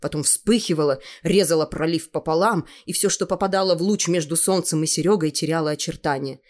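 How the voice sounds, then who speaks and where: A woman with a lowish voice reads a literary story aloud. Her reading is measured and expressive. It sounds like a calm audiobook narration.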